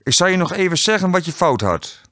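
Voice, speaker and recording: A man's voice: big pitch swings, fairly quick, a bit bright, no echo, studio quality. A man putting on a chirpy quiz hostess. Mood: sing-song teasing. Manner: high, teasing, laughing. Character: chirpy middle-aged female quiz show hostess.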